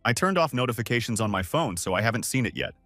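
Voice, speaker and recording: Cheeky young male hunter, breezy and offhand, lively delivery, read by a man. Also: medium pitch, fast talker, dry recording, soft background music.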